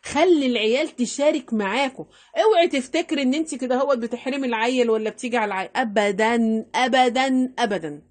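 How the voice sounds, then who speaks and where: A middle-aged woman with an Egyptian accent giving chatty, animated household money-saving advice, repeating herself for emphasis. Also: high voice, racing. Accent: Egyptian Arabic. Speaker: home-economy vlogger. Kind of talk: casual advice talk to camera.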